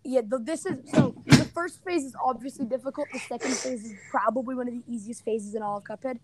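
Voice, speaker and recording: A woman's voice: a little high, fast, very noisy. A woman co-hosting a podcast in casual chat. She is emphatic and opinionated, cuts in over her co-host and lays out game strategy step by step. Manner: emphatic, opinionated, jumps in over the other speaker.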